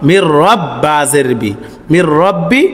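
A man teaching Quran reading step by step. He asks and answers his own questions and chants the sample words slowly. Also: on the high side, expressive, in a large hall. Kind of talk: step-by-step recitation lesson.

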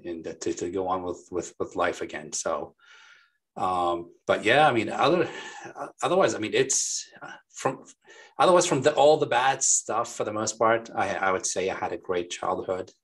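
A man from Lebanon in his forties, a business owner, talking casually and warmly as a guest on a video call, with plenty of fillers and restarts. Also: sits low, moderate pace, slightly rough. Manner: friendly, talkative, frequent fillers and restarts. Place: small dark home studio. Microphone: desk microphone on a boom.

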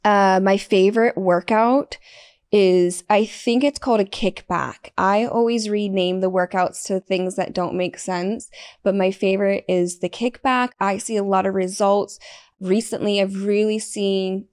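A woman's voice: mid-range voice, steady tone, measured pace, darkish tone, clean tone. A young woman hosting a podcast, talking candidly and bluntly in a casual chatty way. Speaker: podcast host. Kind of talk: casual solo podcast talk.

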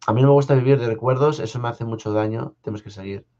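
Man, young adult, Spanish accent, soft halting live-stream talk, home studio, slightly muffled stream audio. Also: mid-range voice. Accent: Spanish from Spain. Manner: soft, halting, with many restarts. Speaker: live-stream host reading viewer comments. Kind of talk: casual live chat.

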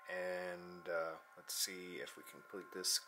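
Operating his radio in an unfinished basement lined with metal shelving, a low-voiced, gravelly American vlogger narrates unhurriedly in an offhand way, partly muttering to himself. The audio comes from a handheld camera held at arm's length, with constant noise in the background.

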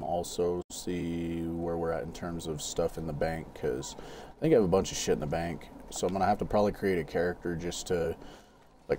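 A man's voice: low voice, warm tone, a little hiss or hum. A man casually narrating his gameplay as a streamer, rambling and swearing freely while sorting through his gear. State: has the hiccups. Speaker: gaming streamer.

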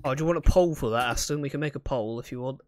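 A man's voice: mid-range voice, racing, dry recording. A young man chats casually on a live stream. His manner is playful and full of banter, picked up by a close desk microphone. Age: young adult. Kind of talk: casual chat with stream viewers. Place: small home room.

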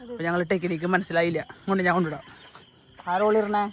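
A woman's voice: fairly low pitch, quick pace, slight background noise. A woman, chatting casually in a family vlog while directing helpers outdoors. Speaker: vlogger. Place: outdoor home yard.

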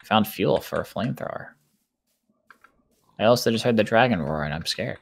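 A young man with a somewhat low voice plays a modded game and chats with his brother. He is excitable, laughs often and rattles off his thoughts in quick bursts, with keyboard clicking faintly behind him. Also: vocal fry. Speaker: gaming channel host. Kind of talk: casual Minecraft let's play chat.

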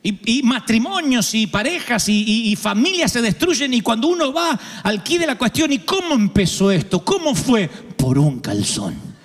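A man with an Argentine accent preaching a humorous sermon, acting out quoted voices and breaking into sudden shouts. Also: very high voice, lively intonation, moderate pace, hardly any pauses, long reverb tail. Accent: Argentine Spanish. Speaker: pastor.

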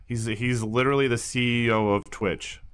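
A man's voice: medium pitch, fairly even intonation, moderate pace, a bit bright. A man streaming, chatting casually and swearing as he gives a guided tour.

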